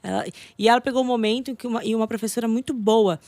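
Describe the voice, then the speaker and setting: A middle-aged woman, an English teacher and podcast guest, chatting casually and telling lively stories. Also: a little high, racing, no room sound. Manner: lively storytelling, acting out quoted voices.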